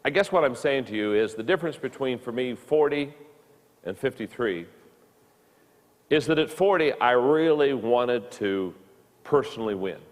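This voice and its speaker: A man's voice: medium pitch, lively intonation. Fifty-something man teaching leadership, long echo. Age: 50s. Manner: halting, repeats words while speaking. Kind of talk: recorded leadership lesson.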